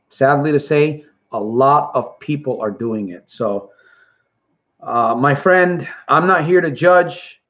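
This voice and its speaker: Reading comments from his stream's chat, this livestream host and recovery coach repeats himself earnestly for emphasis. He's middle-aged, from Puerto Rico but raised in Connecticut, with a mid-range voice in audio missing its high frequencies.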